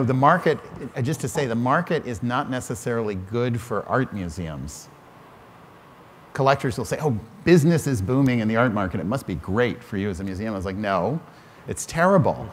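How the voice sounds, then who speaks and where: Middle-aged male panelist, low-ish voice, reflective, restarts phrases; hall reverb, faint noise. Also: animated, normal speed. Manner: thoughtful, restarts phrases often. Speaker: museum director on a panel. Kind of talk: panel discussion. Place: large hall on a stage before an audience.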